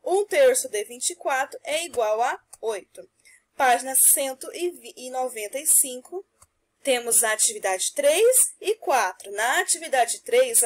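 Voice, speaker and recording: High-voiced woman teacher, slow and clear. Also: animated. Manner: slow, clear, drawn-out answers. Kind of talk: recorded homework correction for children.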